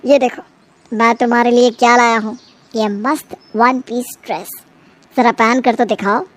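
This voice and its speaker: A woman voicing a hapless young boyfriend in a cartoon, in a lowered, eager voice. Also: steady tone, normal speed, natural voice. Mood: coaxing.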